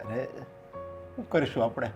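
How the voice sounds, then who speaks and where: Actor as defeated middle-aged father, sighing, soft score under. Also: mid-range voice, lively intonation, moderate pace, dull audio, lightly acted. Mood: hurt. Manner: grieving, heavy sighs. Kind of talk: short film acting. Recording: faint background music. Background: faint music.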